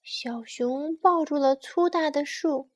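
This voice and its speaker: A woman reading a bedtime story aloud to a child in a slow, gentle manner. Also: high voice.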